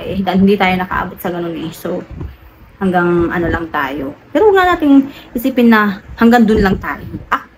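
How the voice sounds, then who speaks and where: A Filipina woman talks to her vlog audience at a mid pitch, laughing often as she tells her stories. Her voice jumps up high whenever she gets excited. An electric fan hums clearly in the room behind her. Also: slight background noise, poor audio. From Philippines. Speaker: vlogger. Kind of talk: casual chatty vlog.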